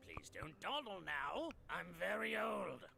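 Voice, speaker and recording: A cranky, very old man from a video game, high and extremely gravelly. His voice lurches wildly between weary pleading and irritated shouts, with a piercing edge. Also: huge pitch swings, slow, slight background noise, heavily acted. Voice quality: very creaky, strained elderly voice. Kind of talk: exaggerated video game character acting.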